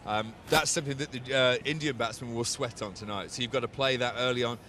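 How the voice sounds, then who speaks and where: A man's voice: mid-range voice, fast, pushed and bright, a little hiss or hum. An English man giving wry, self-mocking cricket analysis on a panel at a ground. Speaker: cricket pundit. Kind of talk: joking cricket panel chat.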